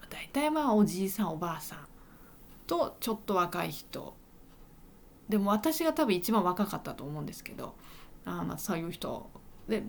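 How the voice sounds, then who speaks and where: A woman teaching through storytelling, speaking at a middle pitch that rises and falls with lively expression. She pauses often to define and repeat words, talking slowly and carefully for learners of the language. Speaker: Japanese teacher podcaster.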